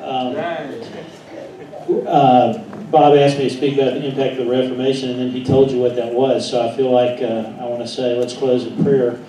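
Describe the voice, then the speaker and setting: A man with a Southern US accent, a pastor speaking at a meeting, halting and self-deprecating with many fillers. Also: mid-range voice, little pitch movement, mellow. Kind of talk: speech at a meeting. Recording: echoey room, distant mic, faint noise.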